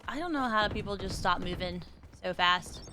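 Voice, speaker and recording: A woman's voice: on the low side, expressive, normal speed, noisy background. A young woman streaming a game, chatting casually, thanking viewers and trailing off with lots of "um"s. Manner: chatty, thanks viewers one by one, filler-heavy. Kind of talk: casual live-stream chat.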